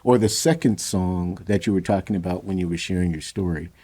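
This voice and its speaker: A man hosting a podcast interview, thanking his guest warmly and gently prompting him to go on. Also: sits low, a little fast. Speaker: podcast host. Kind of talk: casual interview chat.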